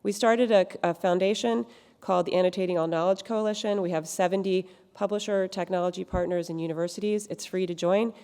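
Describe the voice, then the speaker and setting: A woman's voice: steady tone, darkish tone. Woman losing her voice, conference hall. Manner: brisk promotional pitch, clears throat. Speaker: conference presenter. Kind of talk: lightning talk.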